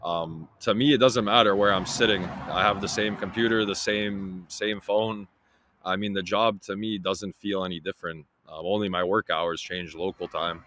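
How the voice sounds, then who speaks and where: A young man, a guest talking in an easygoing, relaxed way with many fillers. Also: deep voice, normal speed. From Toronto, Canada. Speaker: guest, freight broker. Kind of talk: casual interview chat.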